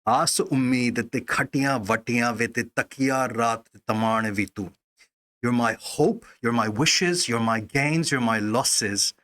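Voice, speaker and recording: A man's voice: mid-range voice, a bit bright. Reflective man reciting and translating poetry. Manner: reflective, recites lines then translates them; halting restarts when explaining. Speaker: song reaction host. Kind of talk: reading and explaining sung poetry.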